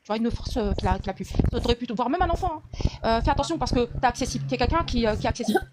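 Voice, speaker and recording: A woman's voice: a little high, lively intonation, rapid-fire. A woman calling into a live stream, earnestly warning and repeating her advice in casual chat. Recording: clicking noise behind the voice.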